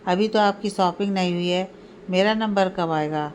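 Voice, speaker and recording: A woman's voice: mid-range voice, moderate pace, a little mellow, a little hiss or hum, natural voice. A woman doing a teasing younger sister in a storybook.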